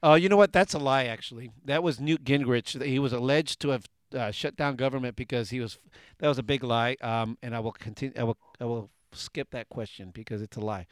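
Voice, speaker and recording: A man's voice: medium pitch, a little fast, clean tone, no echo, clean studio sound. A man hosting a political talk and quiz show from a garage, argumentative and jokey, often pushing to hold the floor. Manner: argumentative, jokey, talks over others.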